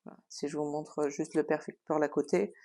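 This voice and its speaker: A woman's voice: low-pitched, flat delivery, fairly quick, mellow. A woman hosting a casual craft tutorial, explaining at an easy pace with frequent hesitations and filler sounds. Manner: chatty, explanatory.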